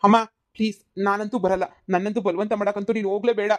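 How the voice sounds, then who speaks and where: A woman voicing a rushed, pleading young son. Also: mid-range voice, steady tone, natural voice. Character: young adult son torn between mother and wife. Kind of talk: cartoon comedy voice acting.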